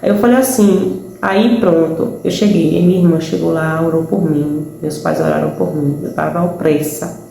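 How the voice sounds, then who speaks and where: A woman's voice: deep voice, steady tone, moderate pace, vocal fry, warm tone, reverberant, a little hiss or hum, rough recording. A woman with a Brazilian Portuguese accent giving an earnest, conversational religious testimony, speaking to listeners as brothers and sisters in faith.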